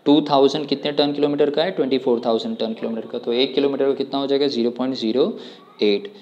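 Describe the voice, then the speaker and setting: A man's voice: mid-range voice, fairly even intonation, fast, a little mellow, lo-fi sound. A man tutoring students through an exam problem step by step, often asking questions back at them. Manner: explains step by step, asks rhetorical questions. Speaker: commerce tutor. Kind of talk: exam problem walkthrough lesson.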